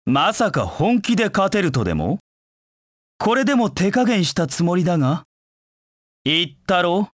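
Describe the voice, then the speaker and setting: Here a haughty, confident young male hedgehog warrior from a video game, proud, cold and disdainful, delivers battle lines slowly and curtly like an arrogant rival knight. The voice is high-pitched and sing-song, recorded close and dry without any room sound.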